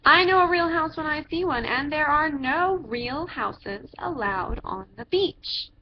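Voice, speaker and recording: A woman voicing a stern, scoffing contest judge in a picture book, with emphatic drawn-out commands. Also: high voice, animated. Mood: scoffing, indignant. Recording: dull lo-fi sound with background noise.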